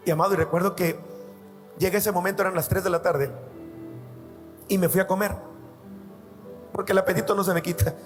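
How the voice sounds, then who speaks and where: A pastor with a notably high voice preaches, weaving his own stories into the sermon in an earnest, heartfelt way. Soft music plays faintly behind him. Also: steady tone, a little fast, long pauses. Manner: earnest storytelling, addresses listeners as "amado". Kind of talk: sermon with personal testimony.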